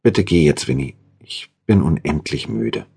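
A wounded young woman, worn out and in pain, speaks softly in a strained voice, put on by a male audiobook narrator. Her husky tone sits low, yet her speech rises and falls a great deal. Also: lively intonation, a little slow, exaggerated voice. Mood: pained, weary. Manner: weak, strained and tender.

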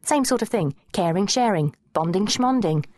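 A woman's voice: medium pitch, lively intonation, normal speed, darkish tone, dry recording, close to an everyday voice. A woman narrator voicing a squeamish, dramatic teenage girl who protests and pleads in a whiny manner. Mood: breezy.

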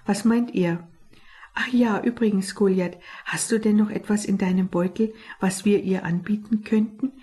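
A woman's voice: medium pitch, steady tone, dark tone, slightly rough, natural voice. A woman doing an impatient leader sparrow. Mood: eager. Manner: brisk, impatient.

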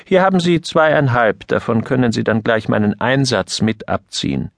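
A man's voice: mid-range voice, lively intonation, moderate pace, vocal fry, no echo. A man voicing a weary, sardonic male copywriter in an audiobook, grumbling with dry irony. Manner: drawling, grumbling, ironic.

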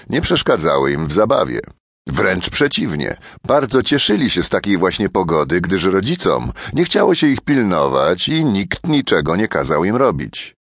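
A man's voice: deep voice, dry recording, clean studio sound. A man narrating a children's audiobook as a storyteller who talks straight to his young listeners.

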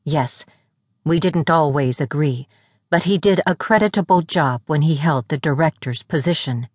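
A woman's voice: low voice, normal speed, darkish tone, dry recording, studio quality. Opal, a woman voicing a cool director. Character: older female security director, calm and commanding.

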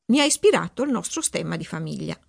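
A woman's voice: on the low side, very animated, fast talker, vocal fry, breathy edge, heavily acted. A woman voicing a tearful, self-important cricket prince who talks earnestly. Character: weepy pompous male cricket prince.

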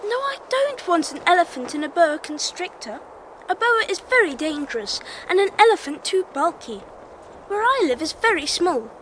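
A woman's voice: extremely high pitch, big pitch swings, moderate pace, fairly bright tone, slight background noise, heavily acted, rough recording. A woman playing a small, innocent boy prince from another planet in a radio drama, insistent and full of questions.

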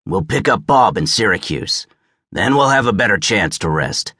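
A man voicing a big, stern canal-boat father who gives slow, heavy commands. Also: fairly low pitch, very animated, sharp tone, no room sound, studio quality, full character voice. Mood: gruff.

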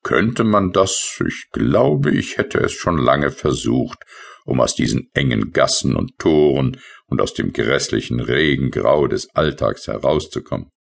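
A man's voice: extremely low pitch, very animated, a little slow, creaky, exaggerated voice. A man voicing a grumpy, weary male painter in a children's audiobook, sulky and complaining. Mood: grumbling.

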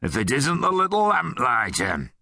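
A man voicing a gruff, bullying male hammerhead mine guard who growls and taunts in a storybook reading. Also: mid-range voice, huge pitch swings, normal speed, pushed and bright, dry recording, studio quality, voice pushed up, heavily acted. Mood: menacing taunts.

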